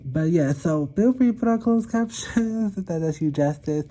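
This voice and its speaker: A woman's voice: on the low side, expressive, normal speed, warm tone. A young woman chatting casually to viewers as a vlogger, with a slight lisp from wearing a retainer and loosely articulated, slightly slurred words. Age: young adult. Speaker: YouTube vlogger.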